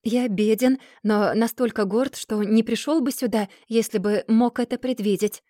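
A woman's voice: on the high side, steady tone, normal speed, mellow, no echo, clean studio sound, natural voice. A woman voicing a timid, humble young man who speaks meekly and politely, with a stammer.

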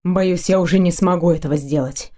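A woman voicing an adult male dark knight in an audiobook, with a husky, velvety voice, speaking low and mocking, half in a whisper. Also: steady tone, brisk, natural voice. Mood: husky teasing.

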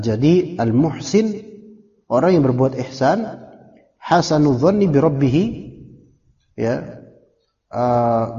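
A man's voice: mid-range voice, warm tone. A man teaching a religious study class in a casual, joking, conversational way, mixing in Arabic terms. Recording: dull lo-fi recording with long hall reverb.

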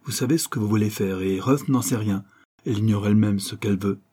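Guy reading a sardonic young guy, lowish husky voice, blunt. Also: quick pace, warm tone. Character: frank, blunt young man, mocking lecturer.

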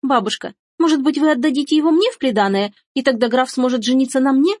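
A woman voicing a spoiled, scheming young noblewoman who talks in a shrill, whining voice. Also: quick pace, darkish tone, dry recording, clean studio sound.

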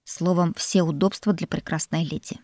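A woman reading a first-person novel aloud in an expressive, wry storytelling manner. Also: on the low side, moderate pace, no echo. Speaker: audiobook narrator. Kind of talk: first-person audiobook narration.

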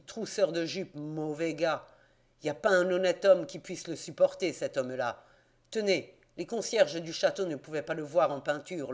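A man reading an audiobook, voicing a gruff, hostile male innkeeper in the countryside who growls his words in rustic speech. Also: fairly high pitch, close to an everyday voice.

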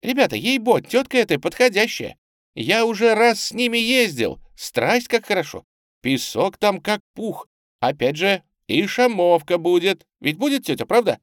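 A man's voice: high voice, normal speed, no room sound, clean studio sound, voice pushed up. A man doing an eager little street boy. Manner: excited, street slang.

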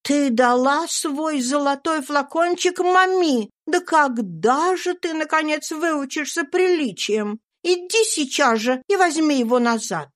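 A woman's voice: high voice, lively intonation, pitched above the performer's own voice. Woman voicing a prim, peevish society mother. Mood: scolding. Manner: scolding, drawn-out complaints.

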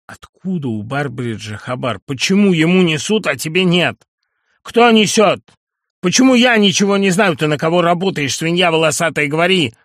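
A man reading an audiobook and voicing a furious, bullying middle-aged boss who shouts threats at his underling. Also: mid-range voice, animated, moderate pace, no echo, clean studio sound. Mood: raging. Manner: shouting threats, then grimly quiet.

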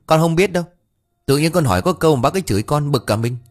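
A man voicing a cheeky, gossipy young village man who talks high and whiny, speeding up when upset. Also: expressive, brisk, breathy edge, faint music behind. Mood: chatty.

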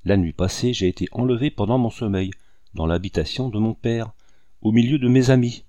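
Dude reading as young captive lady, upset and earnest, kinda low mellow voice. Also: a little fast, no room sound, lightly acted. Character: frightened young noblewoman held captive.

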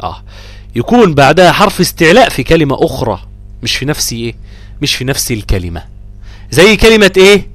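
Lively Egyptian man teaching recitation. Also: a little high, no echo, soft background music. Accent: Egyptian Arabic. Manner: lively, drawn-out chanting of verse examples; quizzes students, repeats rules. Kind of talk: live tajweed lesson.

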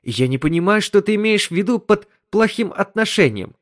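Man playing a kindly flustered mom, higher voice, lively. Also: brisk. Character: flustered, kindly suburban housewife and mother.

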